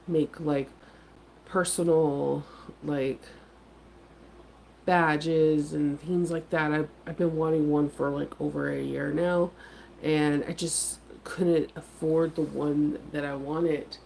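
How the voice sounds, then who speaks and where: With a deep, creaky, dark voice, a middle-aged woman who vlogs and sells crafts talks to viewers in a casual morning chat, stuffed up from a head cold. She's chatty and rambling, heavy on fillers, and the rough recording has a faint hiss or hum.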